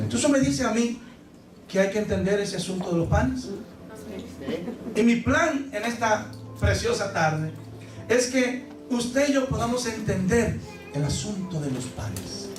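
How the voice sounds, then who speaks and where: Man, pastor, high voice, lively theatrical preaching, distant mic, echoey church with music. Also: measured pace, pauses often. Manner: animated preaching, acts out scenes with loud cries. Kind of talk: sermon. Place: church service.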